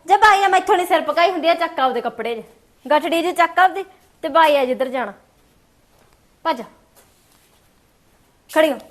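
Very high-pitched scolding woman. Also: lively intonation, normal speed, long pauses. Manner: scolding, sharp-tongued. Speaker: daughter-in-law in a family drama. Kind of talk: amateur family drama acting.

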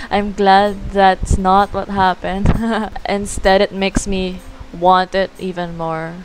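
A woman's voice: medium pitch, little pitch movement, a little hiss or hum, low-quality recording. A woman reflecting on her studies and hobbies in an interview, speaking through a headset. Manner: slow, reflective. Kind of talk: recorded self-introduction.

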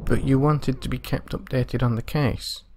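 A man's voice: mid-range voice, steady tone, normal speed, background noise. A man giving casual gameplay commentary as he plays through a video game. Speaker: gamer, let's play commentator.

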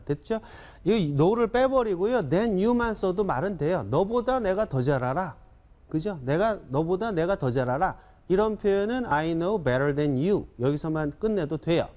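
A man teaches an English writing class on video, coaxing his learners with quick questions and slow spoken drills. His voice sits a little high and swings widely as he talks. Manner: animated, coaxing, keeps asking students questions; repeats drills slowly, counts learners in. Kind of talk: classroom-style video lecture.

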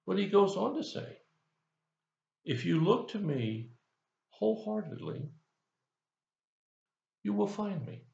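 In this webcam recording, an older pastor in his office leather chair delivers a folksy devotional, questioning the listener. His voice is high and slow with big pitch swings, vocal fry, and long pauses. The tone is darkish and reverberant, with the highs cut off.

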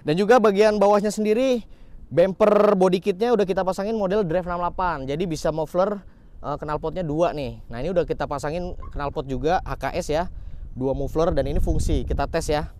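A car workshop vlogger with a fairly high, slightly mellow voice shows off a modified car in a casual, enthusiastic walkaround, going through each upgrade. He talks a little fast, keeps repeating "keren banget nih" and "teman-teman," and there's slight background noise.

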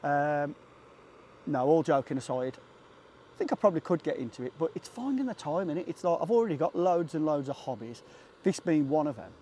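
A man chats to camera as he hikes, his voice a little higher than most men's but mellow in tone. He drifts between thoughts and mocks himself along the way. A faint hum of outdoor noise sits behind him. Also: big pitch swings, brisk. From England. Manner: chatty, self-mocking, talks to his dog between thoughts. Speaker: vlogger. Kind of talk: casual vlog chat. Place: outdoors on a hiking trail.

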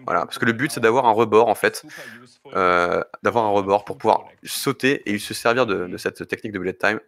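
A man commentating a speedrun live, explaining techniques step by step with halting restarts and light joking asides. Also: on the low side, gravelly, a bit bright.

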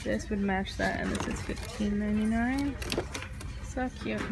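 Holding her phone camera while she shops indoors for home decor, a young woman chats through a shop-with-me video, raving about finds and saying prices out loud. She talks a little slowly at medium pitch with vocal fry, over heavy background noise.

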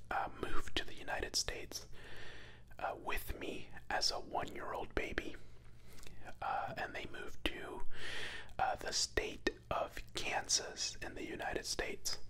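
A man's voice: slow, bright, forceful tone. A young man from Florida whispering a rambling, self-doubting ASMR chat close into microphones. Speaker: ASMR creator. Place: small home room with neon lights, indoors. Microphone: two studio mics close on either side.

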